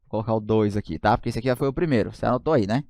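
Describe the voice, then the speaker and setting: A man's voice: fairly low pitch, racing, gravelly, darkish tone, no room sound, studio quality. A man with a Brazilian Portuguese accent teaching an online grammar lesson, joking and often checking in with his students.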